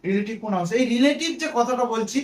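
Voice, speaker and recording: A Bengali-accented man gives a whiteboard grammar lesson in a strikingly high voice. He keeps asking questions, answers them himself and repeats key words. The sound is echoey, as if taken in a bare room. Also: expressive, rapid-fire. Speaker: English grammar teacher.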